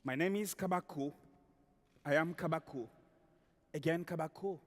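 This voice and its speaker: A man from the Democratic Republic of Congo, a storyteller giving a slow, declamatory spoken-word performance in a large hall, repeating phrases for effect. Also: fairly high pitch. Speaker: storyteller and dancer. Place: large hall during an awards ceremony. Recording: long reverb of a large hall.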